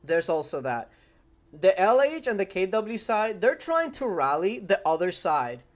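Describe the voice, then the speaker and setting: Talking to viewers in a casual live-stream chat, a young man with a Spanish accent speaks in a high voice at a measured pace, his pitch swinging widely. He's a gaming streamer at a desk in his home room who repeats phrases and talks to his dog mid-game.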